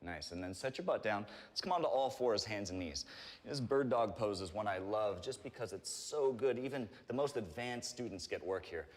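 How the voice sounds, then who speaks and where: Male fitness instructor, lower register, calm and encouraging cueing, recorded in a very reverberant room. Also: moderate pace. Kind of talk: guided workout instruction. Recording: reverberant room with long echo.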